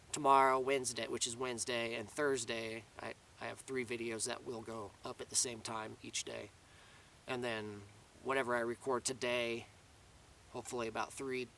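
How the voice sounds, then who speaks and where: Outdoors in the mountains, a vlogger talks casually to the camera, rambling, restarting sentences often and leaning on fillers. His voice is medium-pitched, gravelly and sharp, picked up from a distance with a little hiss or hum.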